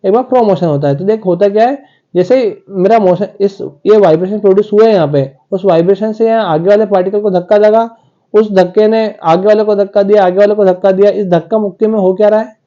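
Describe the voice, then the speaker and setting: A man's voice: high-pitched, fast talker, warm tone, highs cut off. A male physics teacher, giving a classroom lecture and talking straight to his students, often voicing their questions himself. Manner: talks to students directly, acting out their questions.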